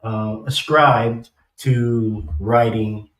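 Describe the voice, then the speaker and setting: A man co-hosting a casual livestream with muffled, slightly slurred speech as if he had cotton in his mouth, talking in a halting way with repeated words. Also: fairly low pitch, steady tone. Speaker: show co-host. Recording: roomy echo, distant from the mic.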